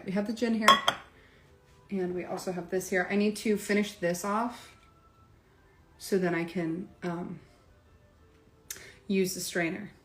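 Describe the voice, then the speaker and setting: A medium-pitched woman hosts a casual live cocktail demonstration, talking directly to her viewers and dropping in plenty of asides. The room is echoey with faint clatter and a slight background noise.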